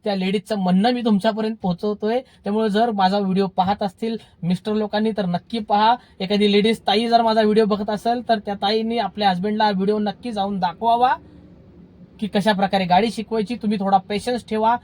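Speaking directly to his viewers, a male driving instructor talks in a voice pitched high for a man, with a steady, darkish tone. He is earnest and brisk, casually returning again and again to the same pleading advice, and the recording is dry.

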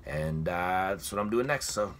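Speaking into a phone held at arm's length, this thirtysomething comedian chats and jokes casually from a cruise ship's cabin and theater. His voice is low-pitched at normal speed, and there's background noise; his manner is relaxed and self-mocking.

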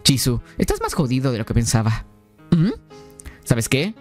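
A man's voice: medium pitch, big pitch swings, moderate pace, darkish tone, faint music behind, natural voice. A young man voicing a blunt, teasing male character in a visual novel. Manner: dry, teasing.

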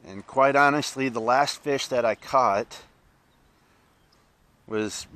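A middle-aged man, vlogging by a park pond, talking slowly with many pauses and restarts. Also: medium pitch, a bit bright, no echo, low-quality recording. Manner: slow, halting, many "uh"s and restarts. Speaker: fishing vlogger. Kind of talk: casual outdoor vlog. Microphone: camera on a stand, then head-mounted camera. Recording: outdoor noise behind the voice.

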